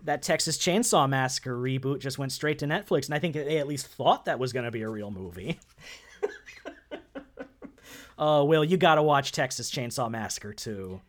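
Male podcast co-host, mid-pitch, easygoing, wandering sentences. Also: expressive, normal speed. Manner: rambling, self-correcting, laughs often. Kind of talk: casual chat.

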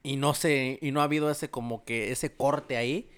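A man's voice: mid-range voice, steady tone, normal speed, clear, resonant tone. Joking Mexican man in casual chat. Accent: Mexican Spanish. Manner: loose and joking, many fillers and restarts.

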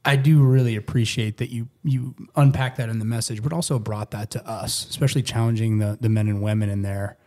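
A man's voice: on the low side, fairly even intonation, fairly quick, few pauses, warm tone. A pastor in a casual sermon discussion, affirming his colleague with frequent agreeing murmurs.

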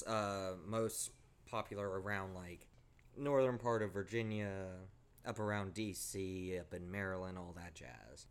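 A man's voice: fairly low pitch, fairly bright tone. A man in his twenties co-hosting a podcast, rambling in casual chat, swearing and poking fun at himself. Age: 20s. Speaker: podcast co-host.

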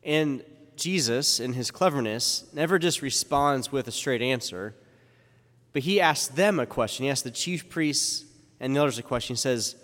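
Preacher, male, mid pitch, casual homily, cathedral echo on the voice. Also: moderate pace, fairly bright tone. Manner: conversational, with rhetorical questions. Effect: cathedral-like church echo. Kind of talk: gospel reading and homily. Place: large church. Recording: long reverb in a large church.

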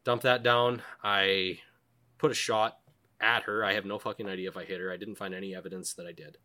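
A man with a bright, forceful voice that sits a little low. He tells a rough outdoor story in casual talk, swearing freely and acting out what he was thinking at the time. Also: a little fast. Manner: profane, animated, quotes his own thoughts. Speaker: guest telling a survival story.

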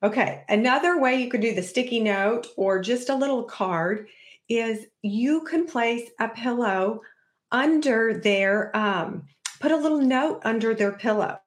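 A chatty woman talks through a parenting podcast. Her voice sits a little high, and she slips into little quoted voices of kids and moms. The talk is loose and upbeat. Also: a little slow. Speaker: podcast host and parenting coach. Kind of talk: casual solo podcast talk.

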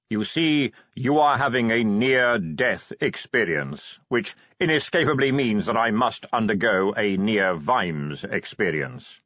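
Death speaks slowly and evenly, a patient skeletal being with dry wit, as a man reads him. The voice is a touch husky and close. The recording is dull and lo-fi, like an old audiobook. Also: lowish voice, sharp tone, no echo, heavily acted. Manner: slow, measured, dry. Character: Death, calm slow skeletal male being.

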